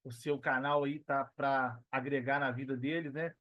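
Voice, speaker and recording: A man in his thirties with a Minas Gerais Brazilian Portuguese accent talks casually as a podcast guest; he is a personal trainer and affiliate marketer. His mid-range voice is steady and at normal speed. The audio has no echo and is dull, dry, and lo-fi.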